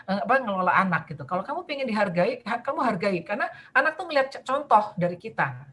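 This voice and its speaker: A woman's voice: medium pitch, lively intonation, fast talker, a bit bright, a little hiss or hum. A woman guest talking casually in a conversation, full of fillers and acting out bits of dialogue. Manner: chatty with many fillers, acts out quoted dialogue. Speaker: guest speaker.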